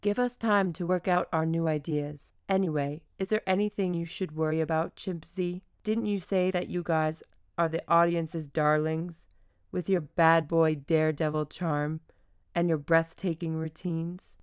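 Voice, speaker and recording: A woman voicing a kind, motherly female circus elephant who speaks gently and encouragingly. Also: low voice, fairly even intonation, measured pace, clean tone, no echo, clean studio sound.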